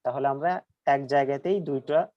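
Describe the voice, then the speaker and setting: A man's voice: mid-range voice, dry recording, highs cut off. Patient male pronunciation teacher on a call. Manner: patient, demonstrates letter sounds slowly and repeats them. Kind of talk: online class instruction.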